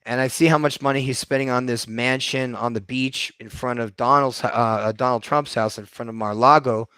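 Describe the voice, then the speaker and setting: A man's voice: mid-range voice, fairly even intonation, brisk, bright, forceful tone, clear, resonant tone, no room sound, studio quality. A middle-aged man telling a long story in a casual, rambling monologue, swearing freely and leaning on fillers. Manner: rambling, profane, conversational; frequent fillers like "you know what I mean". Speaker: storyteller vlogger.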